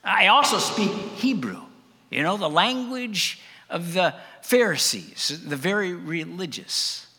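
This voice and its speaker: A man's voice: on the high side, pushed and bright, slightly rough, in a large hall, heavily acted. A man playing a stammering, sarcastic Apostle Paul. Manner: halting, stammering, heavy with irony. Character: Apostle Paul, male, reluctantly boasting, sarcastic. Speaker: actor in a first-person biblical monologue. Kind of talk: dramatic monologue to a congregation.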